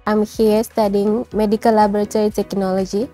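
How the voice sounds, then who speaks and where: A young woman from Tanzania speaks in a steady, earnest way, giving a student testimonial on a lapel mic. Her voice is mellow and sits in the middle of the range. Soft music plays underneath. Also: mid-range voice, fairly quick. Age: young adult. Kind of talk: testimonial interview. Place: indoor lab with models behind.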